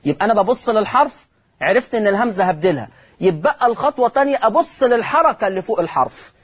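A man's voice: sits high, lively intonation, slightly rough. A man with an Egyptian accent teaching Quran recitation rules on television, repeating each rule and answering his own questions. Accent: Egyptian Arabic. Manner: slows to chant example words.

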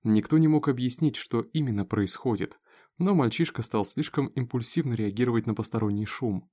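A man reading a dramatic story aloud in a steady narrating voice. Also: mid-range voice, fairly quick. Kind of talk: scripted audiobook narration.

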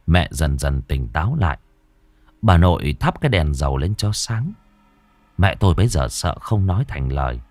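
Deep-voiced man telling a ghost story. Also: no echo. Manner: slow, dramatic storytelling.

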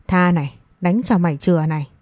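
A woman's voice: on the low side, brisk, a little mellow, no echo, studio quality, close to an everyday voice. A woman voicing a cruel village wife who hisses and scolds a child in a storybook reading. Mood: scolding. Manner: hissing, scolding.

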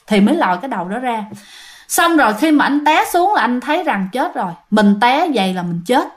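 A woman telling ghost stories in a chatty way and often speaking straight to her listeners. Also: fairly high pitch. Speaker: ghost story narrator. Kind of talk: casual storytelling to listeners.

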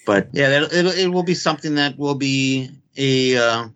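A man calling in to a casual chat, talking haltingly with many restarts. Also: mid-range voice, fairly bright tone, a little hiss or hum. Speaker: caller. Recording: dull lo-fi call audio.

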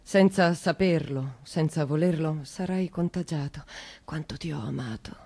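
Here a Roman-accented actress gives her full character voice to a trapped, anguished woman in a theatrical monologue, speaking low, a little slowly, with a breathy edge. Her fragmented lines repeat and move from hushed to shouted, carrying a feeling of hushed dread.

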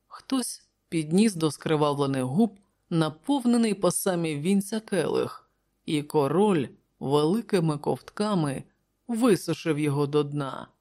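Woman narrator, low pitch, steady, measured, audiobook reading.

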